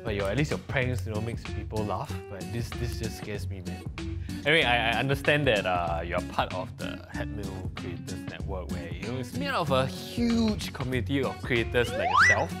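Speaking at a normal speed, this young adult comedic interviewer has a mid-range voice whose pitch swoops wildly. He bantes playfully in Singlish with a Singaporean accent while hosting a casual show on an indoor office studio set, with music in the background.

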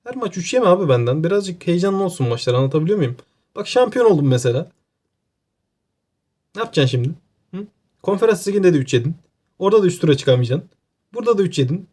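A man with an Aegean Turkish accent giving casual, joking gameplay commentary, excitable and talking to himself. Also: high-pitched, quick pace, long pauses, slightly rough. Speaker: gaming YouTuber.

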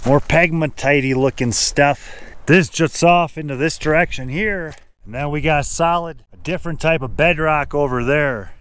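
A man's voice: fairly high pitch, normal speed, a bit bright, clear, resonant tone. A man narrating his own outdoor prospecting vlog at an abandoned mine, thinking aloud and pointing things out as he goes. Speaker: gold prospecting vlogger.

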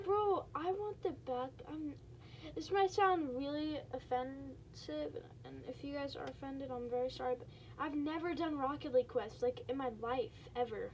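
A woman giving casual, excitable commentary while playing a game, chatting to her viewers with quick exclamations. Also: high voice, slight background noise. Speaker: gaming streamer.

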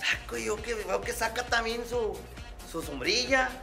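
A man from Veracruz, Mexico, appearing as a guest clown and telling crude jokes in a relaxed studio chat. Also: extremely high pitch, unhurried, gravelly, music in the background. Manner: joking, swears casually, mutters punchlines.

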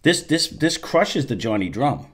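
A man co-hosting a casual whiskey tasting chat, talking haltingly, repeating words and sounding enthusiastic about the bottle. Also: mid-range voice, sing-song, fairly bright tone. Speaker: whiskey review show co-host.

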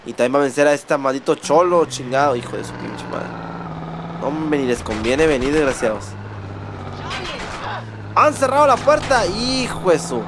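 Excitable Mexican gaming commentator. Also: male voice, on the high side, normal speed, gravelly, pauses often, background noise. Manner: excitable, swearing, mock-shouting at the game. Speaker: gaming host.

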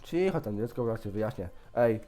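A man's voice: on the low side, expressive, a little fast, mellow, soft background music. A man chatting casually while gaming, teasing and pranking another player as a YouTuber. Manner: teasing, joking, playfully mocking.

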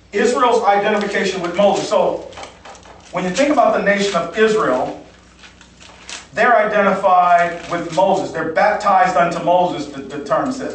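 High-voiced pastor, echoey hall. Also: male voice, a little hiss or hum. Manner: repeats phrases for emphasis, asks "okay?". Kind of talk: Bible teaching sermon. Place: church sanctuary. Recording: echoey church hall from far off.

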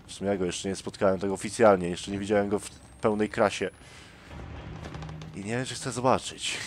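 A man with a fairly low voice talks his way through a horror game, tense and jumpy, muttering under his breath. His commentary rides over clearly audible background noise. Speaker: let's play gamer. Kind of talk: let's play commentary.

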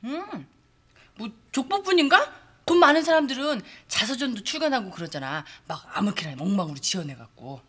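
A woman's voice: fairly high pitch, very animated, fairly quick, a bit bright, husky, heavily acted. A woman playing a cheeky, scheming young adult daughter in a Korean TV family drama, talking in a casual, familiar way.

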